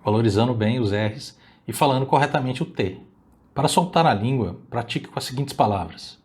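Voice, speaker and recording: Brief: male language teacher, native Portuguese speaker, patient recorded lesson, stretches out example words slowly. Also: medium pitch, darkish tone. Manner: slow, drawn-out model pronunciations of Spanish words. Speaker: Spanish teacher.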